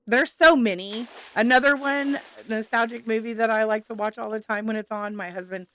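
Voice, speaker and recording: A woman's voice: fairly high pitch, steady tone, moderate pace, a bit bright, slight background noise. A woman streamer chatting casually with viewers while playing a game, laughing often. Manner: chatty and giggly, answering viewers. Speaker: gaming streamer.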